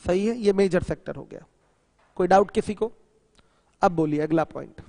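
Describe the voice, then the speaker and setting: A man's voice: high voice, normal speed, creaky, mellow, dry recording, long reverb tail. A man teaching a geometry lesson who keeps asking students questions, answers them himself, and mixes English terms into his explanations. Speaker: math teacher.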